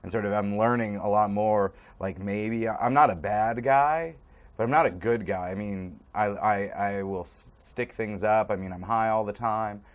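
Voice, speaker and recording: A man giving a casual interview as a cartoon voice actor, rambling in a halting, self-amused way. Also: lowish voice.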